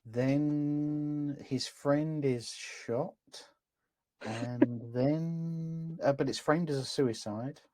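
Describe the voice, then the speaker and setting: A man co-hosting a bad-film podcast, recapping a plot with a wry tone, pausing often on ums and uhs. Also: mid-range voice, warm tone, dry recording. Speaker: podcast co-host. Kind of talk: casual film-review chat.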